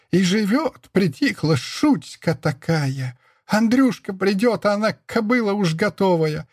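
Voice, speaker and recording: A man's voice: high-pitched, dry recording, clean studio sound, pitched above the performer's own voice, full character voice. A man voicing an old peasant woman, a furious mother-in-law who speaks with a lisp and rustic dialect. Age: older. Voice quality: lisping, village dialect speech.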